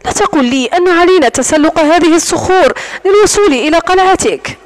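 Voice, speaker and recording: A woman's voice: very high-pitched, expressive, brisk, voice pushed up. A woman voicing a proud, defiant young woman held captive in an audiobook, speaking with scorn. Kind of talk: audiobook narration.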